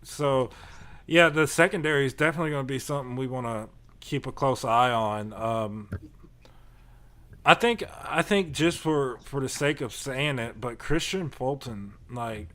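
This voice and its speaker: A man hosting a casual sports podcast, talking in an animated way, laughing often and getting fired up. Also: medium pitch, moderate pace. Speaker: podcast host.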